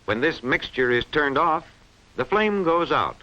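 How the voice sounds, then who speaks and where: Through muffled, band-limited sound reminiscent of an old film reel, a man with a fairly high, bright and forceful voice delivers scripted educational narration. He speaks a little slowly, enunciating clearly and explaining each point didactically with animated rises and falls in pitch.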